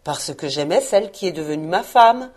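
A woman voicing a cheerful, earnest young man who pleads warmly and eagerly. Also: on the low side, lively intonation, normal speed. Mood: pleading.

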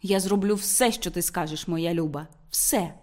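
A woman's voice: fairly low pitch, normal speed, a little mellow, natural voice. A woman reading as an earnest young working man. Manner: plain, earnest, matter-of-fact. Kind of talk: audiobook character reading.

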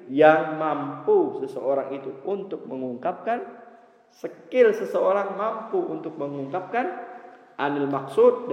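A man gives a relaxed, humorous lecture as a religious teacher, swinging his voice up sharply when he asks a question. His voice sits a little on the high side. The recording rings with heavy echo and a long hall reverb. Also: dull audio. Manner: lively, joking, rising sharply on questions. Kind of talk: casual classroom lecture on Arabic rhetoric. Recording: very echoey hall.

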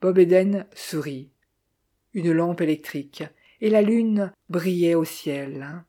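An audiobook narrator reading a detective novel in a measured, steady way. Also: medium pitch.

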